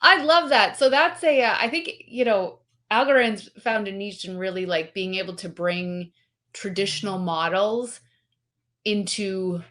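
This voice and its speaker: A woman answers as a guest in a relaxed interview, speaking in an animated, eager way. Her sentences loop through fillers and fresh starts as she works through her points. Her voice sits in a middle register for a woman. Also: medium pitch, measured pace. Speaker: guest, company representative. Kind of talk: casual conversational interview.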